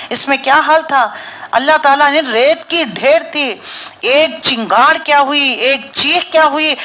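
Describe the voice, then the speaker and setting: A middle-aged woman giving a Quran tafsir lecture as a teacher, telling stories with rhetorical questions. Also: high voice. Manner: animated storytelling with rhetorical questions.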